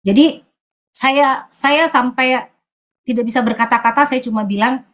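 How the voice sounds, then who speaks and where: A woman from Sulawesi giving a personal testimony at church, often pausing to search for her words. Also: sits high, a bit bright.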